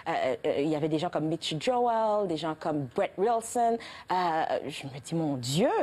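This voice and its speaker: A woman in her thirties with a Haitian French accent, talking as the guest of a television interview. Her voice is warm and mellow. She speaks earnestly and restarts her sentences often, with many fillers. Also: deep voice, lively intonation, measured pace. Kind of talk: TV interview answers.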